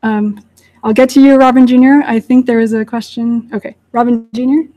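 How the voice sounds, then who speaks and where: A young woman from California fields audience questions at a public talk. Her voice sits fairly high, and she answers in a friendly, apologetic way, pausing often on ums. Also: steady tone, dark tone, lo-fi sound. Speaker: invasive species outreach speaker.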